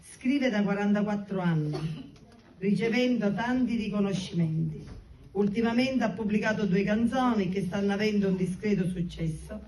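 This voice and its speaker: A woman's voice: mid-range voice, moderate pace, warm tone. A woman giving a formal live introduction as presenter of a poetry evening. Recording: echoey, distant, very noisy live recording.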